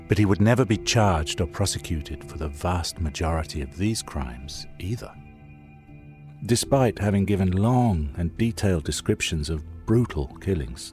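A man's voice: low voice, darkish tone. A man hosting a scripted true-crime documentary podcast, telling the story conversationally in short, suspenseful phrases straight to the listener. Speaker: podcast host and narrator.

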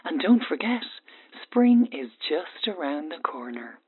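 Woman doing a breathy purring easter bunny, low voice, sounds thru a tinny phone. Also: sing-song, a little slow, noisy background. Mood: sultry. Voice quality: breathy, velvety. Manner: soft, purring and seductive. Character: sweet, sultry Easter Bunny on a hotline message.

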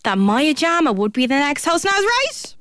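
A woman co-hosting a radio show in casual, excitable chat, repeating herself for emphasis. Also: sits high, a little fast, very noisy. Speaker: radio co-host. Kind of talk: casual chatty radio banter.

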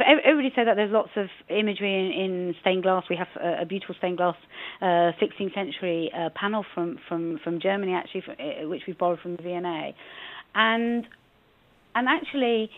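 Radio guest, woman from England, phone-line sound, hesitant and halting. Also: medium pitch. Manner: hesitant, many restarts. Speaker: museum guest. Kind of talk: radio interview.

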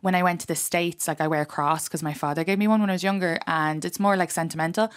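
A woman in her thirties with an Irish accent, a comedian chatting as a radio guest, self-mocking and quick to laugh. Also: lowish voice, fairly even intonation, clean tone. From Ireland. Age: 30s. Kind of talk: casual radio interview chat.

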